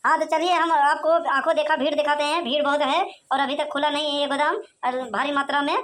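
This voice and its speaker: A pushy cartoon TV news reporter, voiced by a woman talks in formal announcer patter. The voice sits high and stays close to her own. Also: flat delivery, a little fast, a bit bright. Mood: placating.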